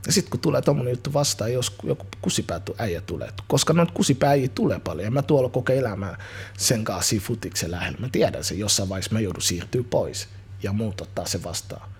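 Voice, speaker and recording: A musician in his thirties who also coaches youth football chats in a casual interview with a lowish, slightly rough voice. He's energetic and slangy, rambling along with lots of restarts.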